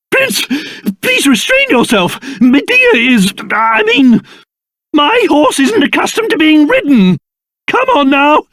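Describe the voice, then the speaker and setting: An actor playing a fussy, pompous old king in a video game, theatrical and quick to bluster or dote. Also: very high voice, vocal fry, a bit bright, no echo, studio quality, heavily acted. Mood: alarmed, flustered.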